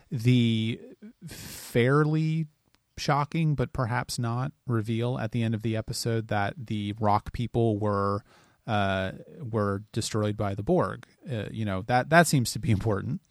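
A man's voice: mid-range voice, measured pace, dry recording, clean studio sound. A man co-hosting a casual podcast, chatting plainly and reading out listener reviews. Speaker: podcast co-host.

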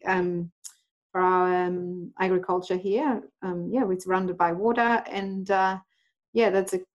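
Woman with an Australian-Portuguese accent. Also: mid-range voice. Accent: Australian mixed with Portuguese. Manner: hesitant, many ums, friendly. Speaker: farmer and tour guide. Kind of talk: interview answers.

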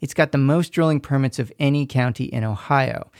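A man narrating a scripted radio feature report in a measured, descriptive way. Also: medium pitch, clear, resonant tone, no echo, clean studio sound.

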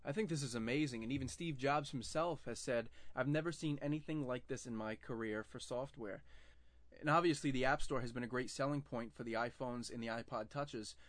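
A man's voice: medium pitch, brisk, dry recording. Chatty young man hosting tech news. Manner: chatty, with frequent fillers and restarts. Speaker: tech news podcast host. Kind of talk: casual tech news commentary.

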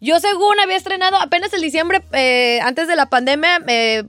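High-voiced woman co-host. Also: fairly quick, a bit bright, soft background music. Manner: chatty, slangy. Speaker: radio co-host. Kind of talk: casual radio chat.

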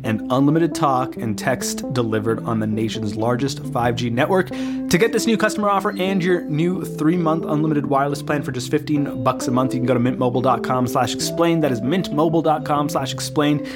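A man's voice: mid-range voice, fairly quick, loud music behind the voice. A man hosting a podcast, reading scripted introductions and sponsor copy. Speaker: podcast host. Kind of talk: scripted narration and ad reads.

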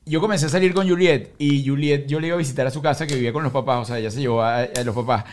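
A Venezuelan man, a podcast guest talking in a relaxed way and explaining with examples. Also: mid-range voice, racing, slight background noise. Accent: Venezuelan Spanish. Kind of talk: casual podcast conversation.

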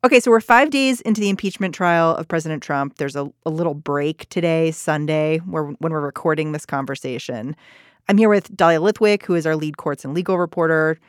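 A woman's voice: low-pitched, fairly quick, clean tone, dry recording, clean studio sound. A woman hosting a podcast, moving between narration and conversation. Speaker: podcast host.

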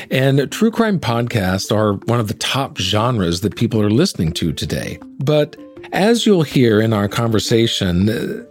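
With a medium-pitched, slightly mellow voice, a middle-aged podcast host who also acts and sings moves smoothly between narrating a script and conducting an interview. His presentation is polished and articulate.

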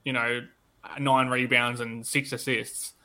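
Male sports podcast co-host, very bright forward tone, conversational and analytical, voice touched by tonsillitis. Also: medium pitch, flat delivery, slow pace. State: tonsillitis-affected voice that comes and goes. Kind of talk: casual sports podcast chat.

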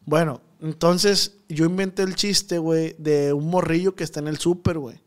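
A man, talking in a somewhat high voice. His talk is loose and slangy, full of fillers and restarts, like a relaxed podcast host trading stories with a friend. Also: normal speed. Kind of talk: casual chat.

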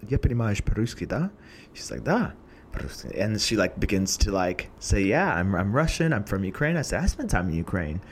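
A young man earnestly telling a personal story about growing up and joining a singing community, reflective and unhurried. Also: low-pitched, a little hiss or hum. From Portland, USA. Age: young adult. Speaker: singer telling his story.

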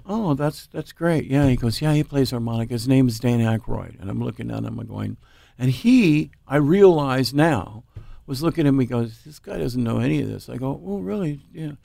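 A man's voice: mid-range voice, a little fast, gravelly, mellow, no room sound, studio quality. A man from Oregon, a blues musician, casually tells an anecdote in an interview and acts out the quoted dialogue in different voices. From Oregon, United States. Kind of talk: casual storytelling.

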